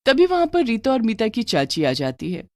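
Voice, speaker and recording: A woman narrating a cartoon horror story in a lively, expressive storytelling voice. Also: on the high side, normal speed, no room sound, clean studio sound.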